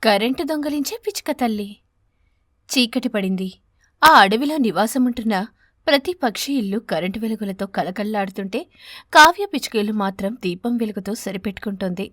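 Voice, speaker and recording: A woman narrating an animated children's story in an expressive, measured way. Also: medium pitch, no room sound, clean studio sound.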